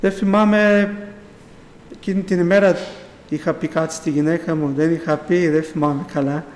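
A man's voice: on the high side, fairly even intonation, a little mellow, a little hiss or hum. A middle-aged man giving a rambling personal faith testimony at church, repeating "I say" again and again as he retells. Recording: echoey hall with long reverb.

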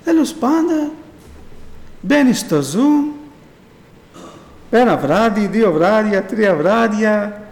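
A man's voice: high-pitched, expressive, creaky, pauses often. A middle-aged man giving a rambling personal faith testimony at church, repeating "I say" again and again as he retells. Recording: echoey hall with long reverb.

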